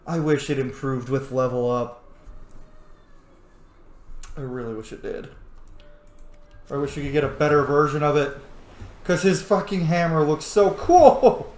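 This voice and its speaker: A gaming video host, a man with a slightly high, slightly slow voice and a somewhat mellow tone, pauses often as he gives casual, chatty commentary on a roleplay playthrough. The recording sounds roomy, with faint background noise.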